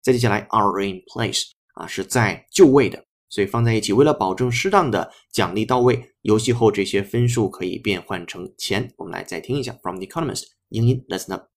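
Patient man teaching English word by word. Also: on the low side. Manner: slow, patient, spells words letter by letter. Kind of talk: explaining a text line by line.

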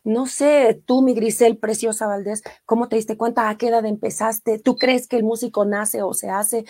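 A middle-aged woman with a Mexican accent, a singer chatting casually on a live stream, reading viewer comments warmly and effusively. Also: a little high, fairly even intonation, moderate pace.

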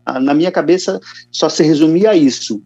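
A gravelly-voiced man in his fifties speaks with a São Paulo Brazilian accent and coughs often. He tells a personal testimony in a loose, slangy way. The sound is dry and a little dull, with a lo-fi edge. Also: a little high, fairly quick, darkish tone, no echo, soft background music. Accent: Brazilian Portuguese, São Paulo area. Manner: casual, slangy storytelling. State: coughing repeatedly. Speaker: interview guest.

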